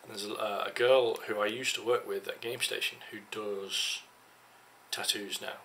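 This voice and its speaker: A man's voice: lowish voice, fairly even intonation, moderate pace, pushed and bright, a little hiss or hum. A tired young man from England rambling to a desk webcam in a small home office, full of hesitant fillers. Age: young adult. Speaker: vlogger. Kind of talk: casual vlog to camera.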